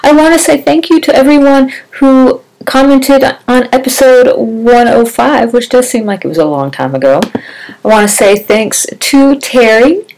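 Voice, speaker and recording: A woman's voice: fairly high pitch, darkish tone, poor audio. A middle-aged woman chatting casually and upbeat on her solo podcast, rambling a little, her speech slightly wet and slurred from braces. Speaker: podcast host.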